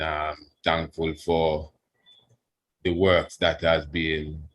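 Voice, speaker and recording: A priest giving a guest address speaks in Rastafarian idiom, delivering an unscripted religious talk in a low, slightly bright voice. His phrasing is deliberate and halting, and he circles back to repeat words and offer reverent thanks.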